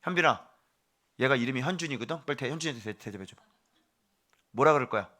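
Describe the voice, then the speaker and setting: A middle-aged male pastor giving a morning devotional sermon, animated and questioning his listeners directly, then dropping to a hushed, slow voice for key words. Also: medium pitch. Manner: animated, quizzes the congregation directly.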